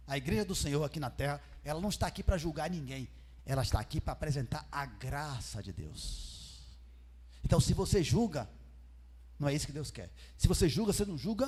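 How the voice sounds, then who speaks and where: Brazilian pastor preaching in a reverberant hall. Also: male voice, high-pitched, a little mellow, breathy edge. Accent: Brazilian Portuguese. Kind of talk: sermon. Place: church hall.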